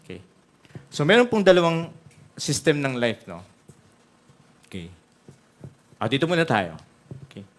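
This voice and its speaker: A man's voice: fairly high pitch, very animated, measured pace, pauses often, fairly bright tone. A man with a Filipino accent preaching a sermon as pastor, mixing Tagalog and English and often checking in with "okay?". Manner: frequent "okay?" check-ins to the congregation; switches between Tagalog and English.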